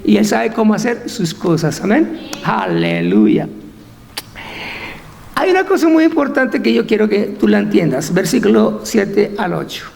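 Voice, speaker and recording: A man's voice: sits high, animated, moderate pace, vocal fry, a little mellow, long reverb tail. A man preaching a fervent sermon as pastor, asking rhetorical questions and acting out the voices of Bible figures.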